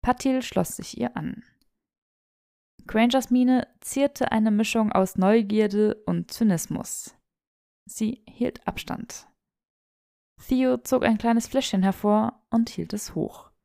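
A woman reading a fan fiction audiobook as the narrator, telling the story in a steady way. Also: mid-range voice, creaky, no room sound, studio quality. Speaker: audiobook reader.

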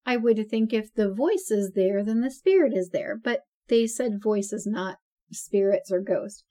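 A woman's voice: mid-range voice, lively intonation, unhurried, dark tone. A woman in her forties co-hosting a podcast in casual chat, talking freely with lots of fillers and frequent laughter. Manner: chatty, laughs often, many fillers. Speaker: podcast co-host.

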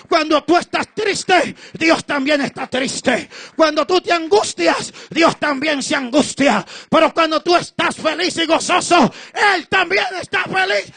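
A man preaching an impassioned sermon as pastor, shouting emphatic, repeated refrains. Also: very high-pitched, no room sound.

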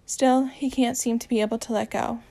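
A woman reading a romance story aloud, with a gentle, even storytelling manner and small voice changes for the dialogue. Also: fairly high pitch, moderate pace. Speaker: audiobook narrator.

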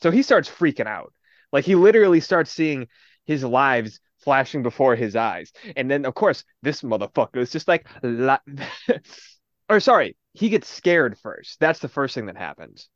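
A young man co-hosting a casual podcast chat, animated and laughing often, swearing as he retells a film scene. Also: medium pitch, moderate pace, no echo, highs cut off. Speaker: podcast co-host.

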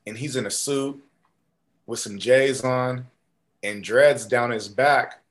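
A man telling stories as a podcast guest in a casual, animated way, with many fillers and restarts. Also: medium pitch, takes it slowly. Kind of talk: casual storytelling.

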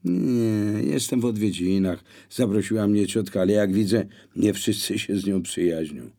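A man voicing a calm blind young man who answers intruders placidly with a little irony. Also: on the low side, normal speed. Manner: placid, mildly ironic.

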